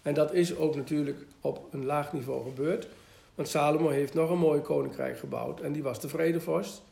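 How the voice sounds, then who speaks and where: A man giving a Bible teaching, reading scripture aloud slowly and then explaining it in a conversational way. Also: on the high side, steady tone, creaky, warm tone, roomy sound. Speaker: preacher.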